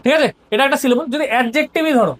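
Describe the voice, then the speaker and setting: This woman teacher talks rapid-fire in a high-pitched voice with a Bengali accent. She breaks grammar down step by step and often checks on her students with "ঠিক আছে?".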